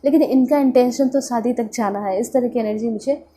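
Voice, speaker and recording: Her pitch sits fairly high, and her delivery is brisk, with a dark, breathy edge. This Indian-accented woman, nasal and stuffed up from a cold, reads tarot casually, sprinkling in English words and returning again and again to check-in phrases.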